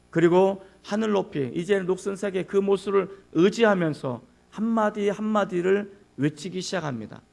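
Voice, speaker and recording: A man's voice: sits high, creaky. A male pastor preaching a sermon, who asks the congregation questions and acts out anguished cries.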